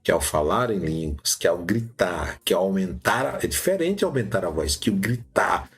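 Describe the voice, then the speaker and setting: A man teaching new preachers in a live-streamed lesson, animated, with many restarts and "tá bom?" checks. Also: deep voice, moderate pace, slightly rough.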